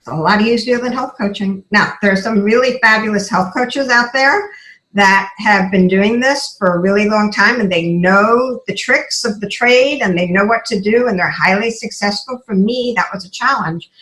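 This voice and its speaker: A woman's voice: medium pitch, moderate pace, a bit bright, echoey room, rough recording. A woman, a health coach who now sells essential oils, telling her story in an earnest, emotional way and acting out what people said to her. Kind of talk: casual personal testimony.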